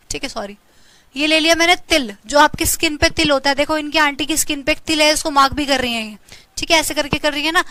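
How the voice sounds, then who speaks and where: A woman's voice: high voice, pushed and bright, dry recording. An Indian woman teaching English vocabulary in an online exam-prep lesson, with a slightly sore throat, repeating words and asking students to say them along.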